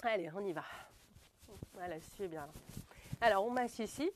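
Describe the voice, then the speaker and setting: A woman's voice: mid-range voice, moderate pace, a little hiss or hum. A young woman leading a goofy yoga class in French, rambling with slangy asides and frequent giggles. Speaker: yoga teacher. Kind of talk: playful self-mocking yoga class.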